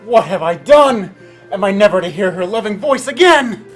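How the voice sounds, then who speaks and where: A man's voice: sits high, animated, normal speed, fairly bright tone, soft background music. A man playing a vengeful, heartbroken young lover, speaking in archaic, melodramatic stage lines. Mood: grieving.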